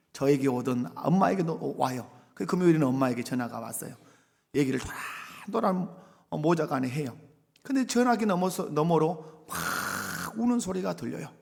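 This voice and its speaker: A middle-aged male pastor preaching to his congregation, his voice pitched high and swinging widely between soft, chatty asides and loud, fervent appeals. A long reverb from the church sanctuary trails every phrase. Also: creaky. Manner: conversational, rising to loud fervent exhortation. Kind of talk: sermon.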